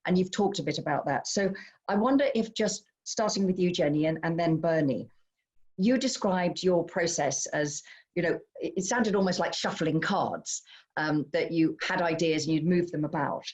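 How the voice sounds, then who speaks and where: A British woman with a slightly mellow, lowish voice chairs a live online author discussion over a video call. She is effusive and welcoming as the host of this literary conversation, speaking with a British English accent.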